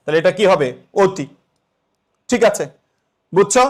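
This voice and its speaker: A man's voice: high voice, lively intonation, a little slow. A young man teaching an exam-prep lesson, asking the students questions and then answering them himself.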